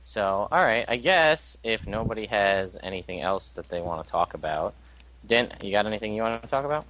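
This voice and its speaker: Man, podcast host, bright voice, dry understated wit. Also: on the low side, animated, fairly quick, poor audio. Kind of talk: casual chat.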